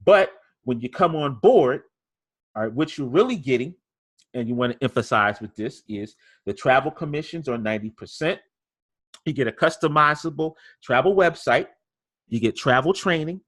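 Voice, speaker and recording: A man leads a training webinar in an encouraging coaching tone. He leans on repetition and fillers as he works through slides. His voice sits at an ordinary pitch and is recorded dry, with no room sound. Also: lively intonation, moderate pace, fairly bright tone, dry recording. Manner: coaching, repeats emphasis, frequent fillers. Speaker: sales trainer.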